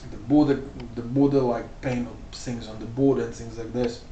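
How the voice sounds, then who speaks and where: A man's voice: medium pitch, fairly even intonation, normal speed, warm tone, lo-fi sound, a little hiss or hum. Rambling man, roomy distant sound. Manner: loose and rambling, full of "like" and "you know". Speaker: vlogger. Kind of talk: casual spoken commentary.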